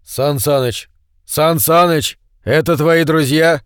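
A man's voice: lively intonation, measured pace, clear, resonant tone, no room sound, studio quality. A man voicing a fat, childish middle-aged man who babbles and pleads in a whiny voice. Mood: chattering. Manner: whiny, high-pitched, babbling.

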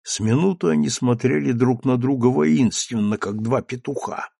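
A man narrating a literary story as an audiobook reader, expressive and measured. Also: medium pitch, creaky, husky, no echo, clean studio sound.

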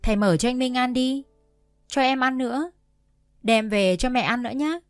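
Một người phụ nữ đọc lời một cậu bé nhỏ được nuông chiều, giọng non nớt, hay nũng nịu. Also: female voice, high voice, moderate pace, clean tone, no echo, clean studio sound, faint music behind, voice pushed up, close to an everyday voice. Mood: eager. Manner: chirpy childish pleading. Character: small pampered boy, eager and bossy.

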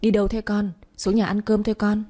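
A woman's voice: mid-range voice, little pitch movement, brisk, warm tone, natural voice. A woman voicing a scheming stepmother. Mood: fake-sweet. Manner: scornful, fake-sweet. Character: scheming two-faced young stepmother.

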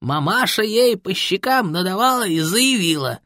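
A man doing a creaky old village grandpa. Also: high voice, expressive, normal speed, pushed and bright, dry recording, studio quality, pitched above the performer's own voice. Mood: storytelling. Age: older. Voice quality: creaky, gruff. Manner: folksy, blunt storytelling. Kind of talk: audiobook character voice.

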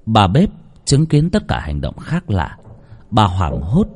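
A man narrating a horror story in an expressive, suspenseful way. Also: lowish voice, slightly rough. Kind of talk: dramatic horror story reading.

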